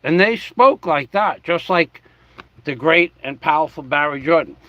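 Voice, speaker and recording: A man from the New York–New Jersey area runs a livestream, his voice on the high side and animated at a moderate pace. He rambles, spells words out letter by letter, and keeps talking while fiddling with his camera setup. The recording is dry and sounds dull.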